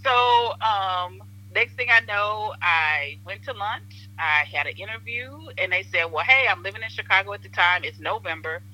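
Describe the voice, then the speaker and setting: A woman's voice: mid-range voice, normal speed, few pauses, poor audio. A woman from Southern Illinois, a podcast guest telling stories in casual chat, acting out the quotes and laughing often. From Southern Illinois, USA. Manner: animated storyteller, acts out quotes, laughs often.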